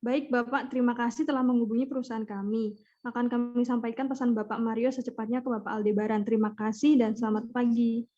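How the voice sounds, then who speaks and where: A formal, courteous secretary played by a woman answers a business call in a scripted role-play. The voice is slightly high and polite, and the sound is dull and lo-fi, as on a video call. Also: level tone, quick pace, dark tone, natural voice. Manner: courteous, formal phone etiquette.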